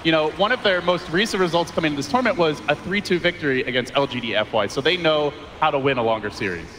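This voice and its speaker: A man casting an esports match, calling the action with rising excitement. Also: on the high side, a little hiss or hum. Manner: excited, rising fast calls. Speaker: play-by-play caster. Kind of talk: esports commentary.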